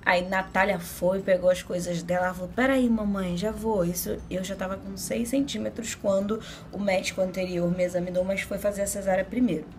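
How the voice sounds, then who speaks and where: A woman's voice: mid-range voice, little pitch movement, brisk, slight background noise. A young woman with a Brazilian Portuguese accent telling a personal story casually to her viewers, chatty and laughing as she acts out what people said. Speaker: vlogger.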